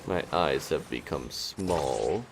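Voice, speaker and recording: A man putting on a stiff, monotone robot voice for a talking rowboat, speaking slowly and flatly during joking gameplay commentary. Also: very deep voice, faint music behind, voice pushed down, full character voice. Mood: deadpan. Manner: slow, flat, monotone robot voice. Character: solemn robotic rowboat, male, stiff and literal.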